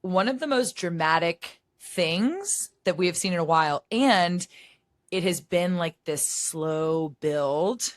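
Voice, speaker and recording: A woman in her thirties co-hosts a podcast in easy, chatty conversation. Her voice sits low for a woman. The recording is close and dry, with almost no room sound. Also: animated, slow pace, no echo. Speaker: podcast co-host. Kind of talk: casual chat.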